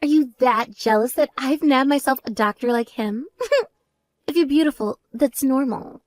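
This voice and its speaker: A woman's voice: sits high, normal speed, dry recording, natural voice. A woman voicing a spoiled, vain younger sister who boasts and taunts indignantly in a voiced story. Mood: taunting. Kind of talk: voiced text story dialogue.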